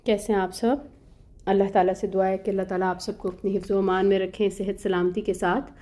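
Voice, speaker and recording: A woman's voice: medium pitch, level tone, warm tone. A woman teaching Quran recitation rules in an online lesson, explaining each sound patiently and step by step, often checking in with her students.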